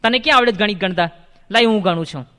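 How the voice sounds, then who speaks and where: Man putting on a mocking young villager, high and bright, in a ringing hall. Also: animated, fast. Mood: teasing. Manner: teasing, scolding. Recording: long hall reverb.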